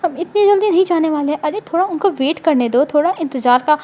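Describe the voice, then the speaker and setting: A woman's voice: high voice, quick pace, a little mellow, natural voice. A woman voicing a secretive young businessman who teases his friend playfully. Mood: teasing. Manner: teasing, playful.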